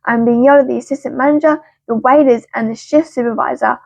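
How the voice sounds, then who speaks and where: A woman reading stories aloud as the channel's narrator, expressive and punchy with quick asides. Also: high-pitched, gravelly, no echo, poor audio. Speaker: story reader.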